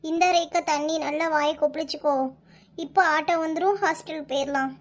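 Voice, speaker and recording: A woman's voice: high voice, fairly even intonation, fairly quick, natural voice. A woman voicing a worried young village woman with a Kanyakumari Tamil accent, tearfully tending her feverish sister in a cartoon. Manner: worried, pleading, soft-spoken.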